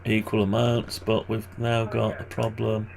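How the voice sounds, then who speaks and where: A man with a groggy, gravelly morning voice and vocal fry endings, giving casual, hesitant think-aloud commentary on his screen work. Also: on the low side, completely flat delivery, a little slow, crowd noise. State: groggy morning voice, clearing throat. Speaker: maker narrating a design tutorial.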